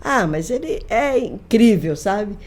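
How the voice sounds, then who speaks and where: An older woman, a grandmother and folklorist appearing as a podcast guest, chats casually and retells family stories, giving the quoted people lively voices. She speaks at a slow pace in a mid-range voice.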